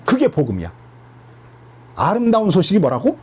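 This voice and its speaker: A man's voice: high voice, huge pitch swings, fairly quick, darkish tone. A man teaching from the Bible as a pastor, asking his listeners questions and answering them himself.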